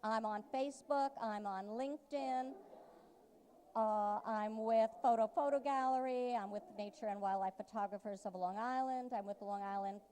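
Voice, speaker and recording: Female interview guest, photographer, slightly high pitch, mellow tone, chatty and conversational. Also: normal speed.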